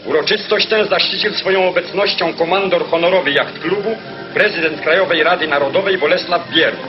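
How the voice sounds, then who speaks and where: A man's voice: fairly high pitch, brisk. A man giving formal, solemn scripted narration for an old newsreel, in an official tone. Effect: old newsreel sound. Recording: dull lo-fi 1940s newsreel soundtrack with music.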